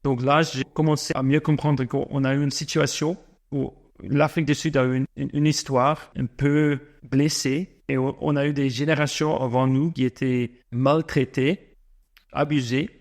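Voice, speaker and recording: Here the same kind of guest appears: a man in his forties who grew up in South Africa and uses French as a second language. His medium-pitched voice stays level while he works through interview questions slowly, full of fillers and false starts.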